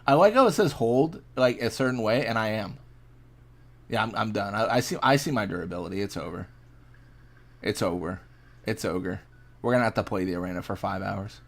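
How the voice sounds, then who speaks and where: A man's voice: fairly low pitch, brisk, vocal fry. A young man casually chatting and reacting while streaming a fishing game, laid-back and rambling as he answers chat.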